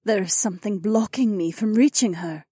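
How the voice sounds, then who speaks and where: A sharp, protective mage woman, played by a male narrator. He lifts his voice well above his own and keeps her clipped and scolding. The voice is a little breathy and the recording is dry. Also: sits high, moderate pace, no echo, voice pushed up. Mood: stern, worried. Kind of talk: audiobook character voice.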